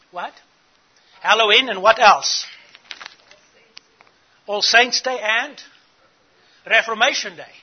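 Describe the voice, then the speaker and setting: Speaking at a conference, a middle-aged South African man earnestly teaches church leaders and poses questions to his listeners. He has a high voice, and the lo-fi audio has a little hiss or hum.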